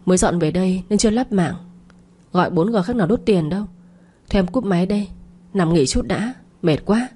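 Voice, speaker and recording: A woman playing a sharp-tongued scheming mistress. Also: medium pitch, lively intonation, brisk, husky. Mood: snappish. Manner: snappish, bossy.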